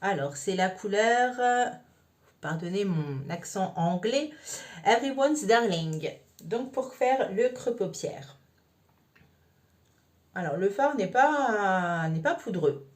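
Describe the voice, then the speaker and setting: A woman talks viewers through her makeup in a relaxed, chatty way. She narrates each step as she goes, with plenty of small fillers, at a middling pitch for a woman. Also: takes it slowly. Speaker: makeup vlogger. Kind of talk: casual makeup tutorial.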